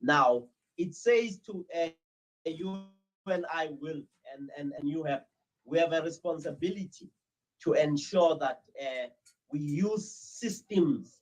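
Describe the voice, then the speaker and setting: A South African man answers interview questions in a somewhat raised pitch. He tells his stories steadily but pauses often on "uh" as he searches for words. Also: poor audio. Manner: hesitant, many "uh"s, steady storytelling. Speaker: interview guest, crime-prevention ambassador.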